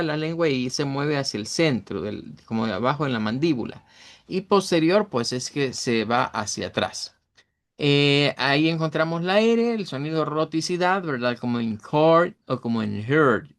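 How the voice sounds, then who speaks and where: A middle-aged male English teacher with a Central American Spanish accent, giving a recorded online class and explaining vowel sounds with fillers and self-corrections. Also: fairly high pitch.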